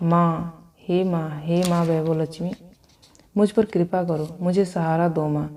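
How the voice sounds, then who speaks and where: A devout young wife in sorrow, as a woman narrator puts her on, pleading in prayer. The voice is lowish and mellow. She fits a devotional storybook reading. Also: flat delivery, a little slow, recorded from a distance, a little hiss or hum, lightly acted.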